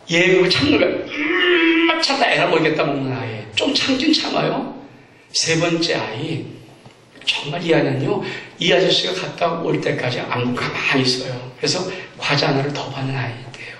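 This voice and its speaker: A pastor preaches in a high, lively voice that swings up and down. He acts out the scenes he describes. The sound is heavily echoey and comes from a mic some way off in a church hall. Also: a little fast, far from the mic. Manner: animated preaching, acts out parents and children. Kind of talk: sermon. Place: church sanctuary.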